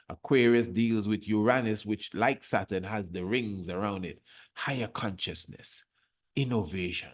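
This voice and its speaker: A man teaching astrology as an informal lecture, speaking in emphatic short phrases and repeating key words. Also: fairly low pitch.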